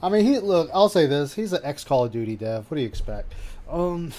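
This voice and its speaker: Man, stream host, lively pitch, casual and profane, quick laughs. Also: faint music behind. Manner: animated, laughing, swearing. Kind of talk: casual chat.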